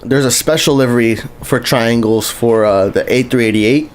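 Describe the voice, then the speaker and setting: A man streams a game live, talking at a normal speed in a mid-range voice. His casual chat with viewers wanders, includes greetings to the chat, and is full of sentences he starts over.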